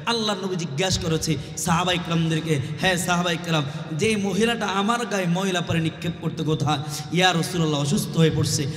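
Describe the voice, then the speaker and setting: A male preacher giving a waz sermon, swinging from soft storytelling to shouted appeals to the crowd. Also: high-pitched, fairly even intonation, fairly quick. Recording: echoey loudspeaker sound with long reverb.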